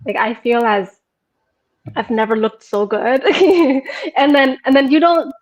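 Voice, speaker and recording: A woman's voice: high voice, steady tone, takes it slowly, dull audio. Giggly woman from Nepal. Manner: giggly, frequent laughter, many fillers. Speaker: program participant, guest. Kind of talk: casual conversational testimonial.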